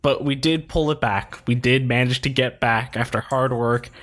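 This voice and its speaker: A man's voice: mid-range voice, steady tone, moderate pace, a bit bright. A young man co-hosting a podcast, playful and jokey in casual chat, steering topics along. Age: young adult. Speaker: podcast co-host.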